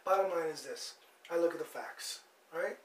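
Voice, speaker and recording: A man's voice: on the high side, normal speed. Blunt rambling man, echoey room. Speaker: host. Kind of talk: opinionated news monologue. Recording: echoey room, distant mic, faint noise.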